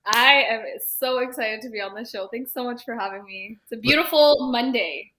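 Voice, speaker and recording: Podcast guest, woman, 20s, from Toronto, animated and bright-toned, lots of likes and ums. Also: fairly high pitch, normal speed. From Toronto, Canada. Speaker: guest, YouTube creator. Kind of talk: podcast interview.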